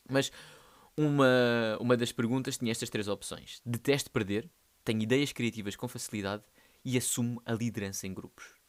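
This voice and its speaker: A young man with a European Portuguese accent, hosting a solo podcast in a rambling, slangy, playful way. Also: fairly low pitch. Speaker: podcast host. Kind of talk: casual solo podcast monologue.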